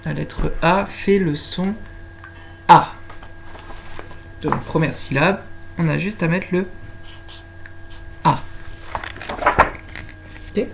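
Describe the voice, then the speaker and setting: Slow, patient woman teaching phonics. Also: lowish voice, creaky, background noise. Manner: patient, stretches out syllables and sounds. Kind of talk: slow phonics lesson for young children.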